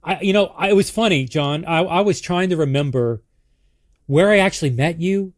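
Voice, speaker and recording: A man's voice: a little high, normal speed. A man hosting a podcast, chatting casually and rambling with many restarts and repeated words. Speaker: podcast host. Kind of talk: casual interview chat.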